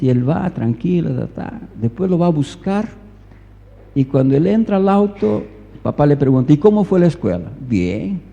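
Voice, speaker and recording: Man, preacher, sermon storytelling, very dark mellow tone, dull lo-fi sound. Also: on the high side, gravelly. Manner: storytelling, repeats phrases for emphasis. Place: church hall. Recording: reverberant church hall, dull lo-fi sound.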